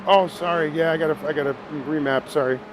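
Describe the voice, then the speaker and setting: A man with a high voice talking freely with his racing team, candid and laid-back, swearing without a thought. Clear engine noise sits behind him throughout. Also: steady tone, fast talker. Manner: loose, candid, swears and laughs easily. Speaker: teammate driver. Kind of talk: casual team chat over voice comms.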